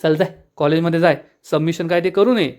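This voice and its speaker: A man's voice: fairly high pitch, fairly even intonation, a little fast, a little mellow, close to an everyday voice. A man reading the lines of a stern, angry young man who scolds.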